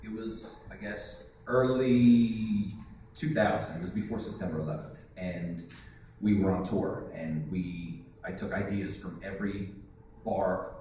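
A man's voice: low voice, a little slow, mellow, slight background noise. Joking man telling a story on a panel. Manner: rambling, joking. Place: hotel conference room. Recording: echoey room from far off.

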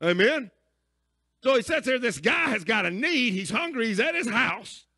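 A man's voice: very high-pitched, very animated, normal speed, pushed and bright. A man preaching a sermon as pastor, emphatic and folksy, often checking in with his listeners.

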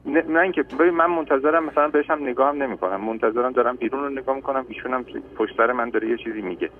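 A man calling a radio advice show about his child, talking hesitantly with fillers. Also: medium pitch. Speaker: caller, a parent. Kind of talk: phone call to a radio show. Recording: tinny phone line with faint noise.

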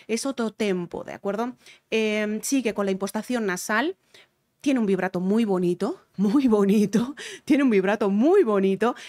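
A woman with a Spain Spanish accent, a vocal coach reacting to a music video and explaining singing technique, repeating her key points. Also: mid-range voice.

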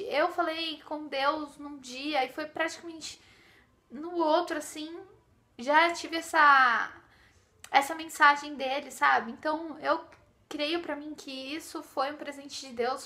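A woman's voice: sits high, bright, forceful tone. A young woman from Brazil in her twenties chatting to the camera from her living room, heartfelt and full of fillers. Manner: chatty, heartfelt, many fillers like "sabe" and "gente". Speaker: beauty vlogger. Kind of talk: casual chat to camera. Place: living room, sitting by a sofa.

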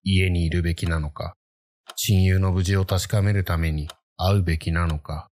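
Very deep-voiced man telling a ghost story. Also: fairly even intonation, moderate pace, a little mellow. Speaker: horror story narrator. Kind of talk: first-person ghost story narration in character.

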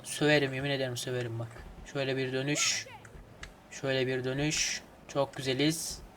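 A man casually commenting on his game as he plays, excitable and swearing at the traffic. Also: mid-range voice, fairly quick. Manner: excitable, swears and grumbles at traffic, hums snatches of folk song. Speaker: gaming channel host. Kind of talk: casual let's play commentary.

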